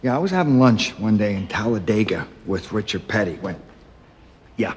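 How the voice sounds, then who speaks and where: A man's voice: fairly low pitch, lively intonation, moderate pace, a little hiss or hum, close to an everyday voice. An actor playing a chatty man telling a folksy anecdote.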